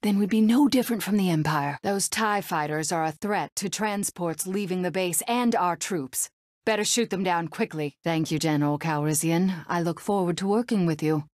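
A woman voicing a brave, sardonic young rebel princess in a video game, with a crisp, resolute and dryly sarcastic manner. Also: lowish voice, moderate pace, a little mellow, dry recording, clean studio sound, lightly acted.

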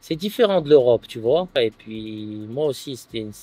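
A man in his thirties from France, a footballer guest chatting casually on an outdoor terrace, relaxed and full of filler phrases. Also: mid-range voice, moderate pace, no room sound, soft background music. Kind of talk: casual interview chat.

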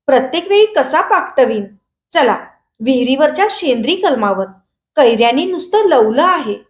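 A woman reading a storybook aloud, voicing a hot-headed, defiant village youth who shouts dares. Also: sits high, animated, normal speed, roomy sound. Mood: eager.

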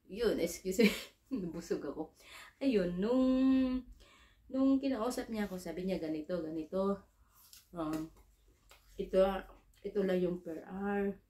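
A woman's voice: on the low side, a little slow, long pauses, dark tone, roomy sound. A Filipino woman, a domestic worker abroad, telling a casual story and acting out her own dialogue. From Philippines. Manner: chatty, mixes English into Tagalog, acts out dialogue.

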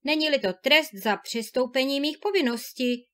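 A woman's voice: high voice, a bit bright. A woman voicing a desperate lovesick young husband. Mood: anguished. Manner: emotional outcries, pleading. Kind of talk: fairy tale read aloud.

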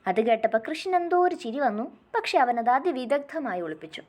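A woman storyteller reads out a romance in a gentle, intimate tone, as if confiding in her listeners. Her voice sits a little on the high side. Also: very animated, fairly quick. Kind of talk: scripted narration of a love story.

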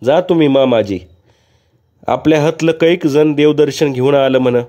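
A man's voice: a little high, moderate pace, mellow, lightly acted. A man voicing a worried adult son from a village who talks bluntly in a raised voice. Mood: earnest.

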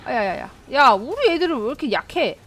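A woman streaming a game, excitably commenting, yelping and chattering at her own play. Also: sits high, brisk. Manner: excitable, yelps and chatters at the screen. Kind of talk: live gameplay commentary.

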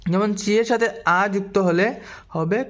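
A man teaching a language lesson, mixing in English phrases and repeating syllables slowly for drilling. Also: high-pitched, fairly bright tone. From Bangladesh. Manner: mixes English phrases into explanations.

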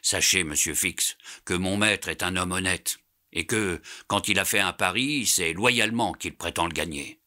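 Guy reading out a fired-up young valet, low but super bright voice, gets all indignant. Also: moderate pace. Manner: indignant, animated outbursts. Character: excitable loyal young French manservant. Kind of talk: audiobook character reading.

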